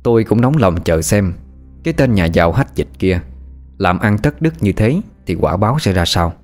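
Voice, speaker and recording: Male ghost story narrator, deep voice, over faint music. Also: lively intonation, normal speed, darkish tone.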